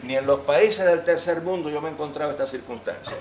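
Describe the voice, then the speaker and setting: A man from Venezuela giving an animated, humorous lecture in a church and speaking to the audience. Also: fairly high pitch, fast, a crowd in the background. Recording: roomy church echo.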